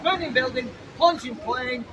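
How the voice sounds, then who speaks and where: A man's voice: extremely high pitch, normal speed. A British man preaching fervently and insistently to passers-by outdoors, pressing them with repeated phrases and rhetorical questions. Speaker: street preacher. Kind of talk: open-air evangelistic preaching to passers-by, with riddles and questions. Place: outdoors on a busy urban street. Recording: noisy busy street with crowd and traffic.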